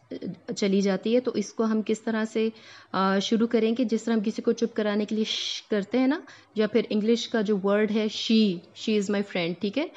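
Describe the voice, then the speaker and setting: On a lo-fi recording, a woman with a mid-range, darkish voice teaches Tajweed. Patient and methodical, she walks through each letter of Quran recitation, draws the sounds out as demonstrations, and often pauses to check in.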